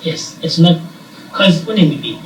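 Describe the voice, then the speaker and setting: An animated man with a lively, swooping voice, chatting as a musician guest. He laughs often and breaks into shouts. The sound is roomy and picked up from a distance, with clear noise behind him. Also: fairly high pitch, measured pace. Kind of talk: casual interview chat. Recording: roomy, from a distance, noisy background.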